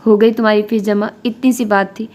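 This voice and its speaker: A woman's voice: medium pitch, level tone, darkish tone, lightly acted. A woman reading the lines of a bossy, teasing young best friend in an audiobook novel.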